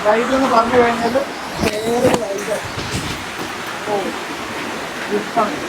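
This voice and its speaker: A woman's voice: fairly high pitch, steady tone, slow pace. A woman casually vlogging to viewers, mixing English words into her Malayalam. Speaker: travel vlogger. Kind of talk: casual spoken vlog commentary. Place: outdoors on a trek. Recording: very noisy outdoor trail recording.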